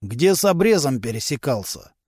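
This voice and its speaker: A man's voice: medium pitch, very animated, moderate pace, darkish tone, slightly rough, no room sound, studio quality. A man voicing a stern, curt police boss who threatens a suspect, in an audiobook. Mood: menacing. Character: stern male police boss with a gruff bass.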